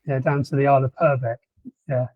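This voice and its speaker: A man's voice: medium pitch, level tone, a little fast, no echo, lo-fi sound. A man co-hosting a podcast, chatting casually with lots of ums and restarts. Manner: rambling, many fillers and restarts. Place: lives in southern England.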